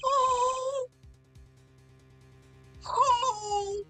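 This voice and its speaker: A woman's voice: very high-pitched, steady tone, drawn-out words, bright, forceful tone, faint music behind. A woman commenting emotionally on a story game as she plays, laughing and gushing. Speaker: game streamer. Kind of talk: gameplay commentary.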